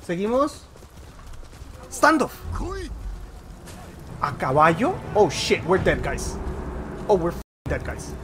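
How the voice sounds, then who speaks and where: Excitable Colombian gamer man, lively pitch. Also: slight background noise. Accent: Colombian Spanish. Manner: excitable, switching between Spanish and English; yells at the game. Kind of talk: let's play commentary.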